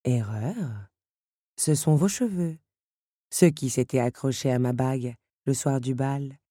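A woman's voice: a bass voice, dark tone, dry recording, studio quality. A woman doing a cold scheming countess. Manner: ironic, measured and cutting. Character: cold, scheming noblewoman who hates losing.

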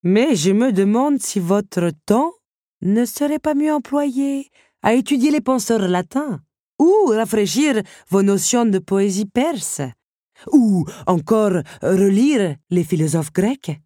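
A woman voicing a courtly male candelabra servant who speaks slowly and ceremoniously, in a storybook reading. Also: medium pitch, no echo, clean studio sound, voice pushed up. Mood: flattering. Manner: slow, ceremonious, flattering.

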